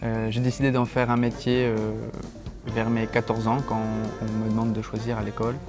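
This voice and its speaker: A man's voice: medium pitch, completely flat delivery, brisk. A young man from France, a circus base speaking easily and hesitantly in an interview. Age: young adult. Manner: easygoing, hesitant with fillers. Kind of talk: interview testimony. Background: guitar music.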